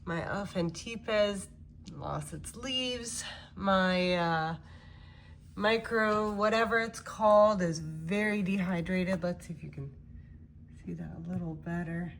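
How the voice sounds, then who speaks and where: Her voice sits low and her pace is slow, with a faint hiss or hum in the recording. She's a plant-channel host stuffed up with a cold, casually touring her home on video, wandering between rooms and chatting easily with filler words.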